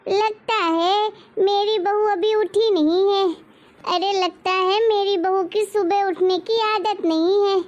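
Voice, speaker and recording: A woman's voice: very high voice, fairly even intonation, slow pace, lo-fi sound. A woman voicing a nagging, strict middle-aged mother-in-law in a cartoon story, scolding with dramatic exclamations.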